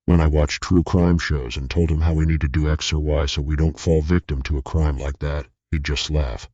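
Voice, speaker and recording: A man narrating a scripted horror story in a steady, tense way. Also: a bass voice, moderate pace, breathy edge, no echo. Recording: dull lo-fi recording.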